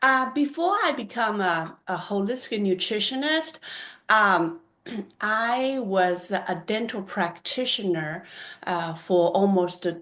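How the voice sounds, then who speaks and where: A woman's voice: medium pitch, expressive, takes it slowly, a bit bright. A woman from China, a holistic nutritionist guest on a podcast, speaking thoughtfully and sometimes searching for words. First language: Chinese. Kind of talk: podcast interview.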